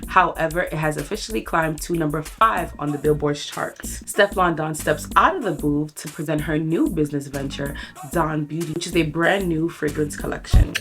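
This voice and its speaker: A woman with a low voice hosts an entertainment news segment over a music bed. She reads scripted updates in an upbeat presenter's delivery and talks straight to the viewers. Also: normal speed. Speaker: host. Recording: music playing under the voice.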